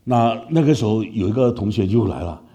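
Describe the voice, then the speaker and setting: Low-voiced Malaysian Mandarin preacher. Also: male voice, fairly quick, creaky, husky. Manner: animated, keeps asking "right?" to listeners. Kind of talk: storytelling sermon.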